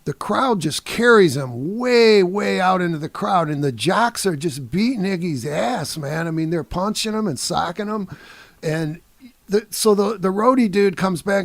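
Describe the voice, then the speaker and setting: A Detroit-area man in his sixties tells a story as a guest musician in a loose, animated way, laughing along as he goes. His voice sits on the high side with a gravelly edge. The sound is dry and close, with no room echo. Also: moderate pace. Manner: animated, laughs often, peppers speech with "man" and "you know". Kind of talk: casual storytelling anecdote.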